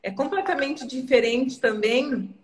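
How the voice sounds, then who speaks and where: A Brazilian woman hosting a live online talk, chatty and quick to laugh. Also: sits high.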